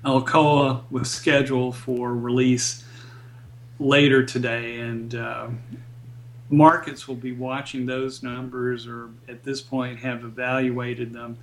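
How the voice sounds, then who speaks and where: A man speaking as a guest economist in an interview, explaining data in a measured, deliberate way. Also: medium pitch, little pitch movement.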